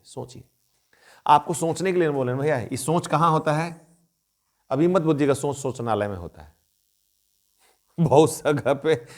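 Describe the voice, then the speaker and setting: A man teaching a spoken English lesson in a chatty, coaxing way, often calling to his viewers as friends. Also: mid-range voice. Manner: chatty, repeats a friendly term of address.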